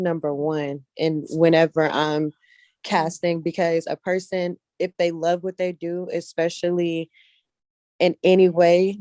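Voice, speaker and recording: A woman who works as a casting director, actress and model speaks casually and earnestly as an interview guest, often repeating phrases for emphasis. She has a low, mellow voice, captured in studio quality with no echo.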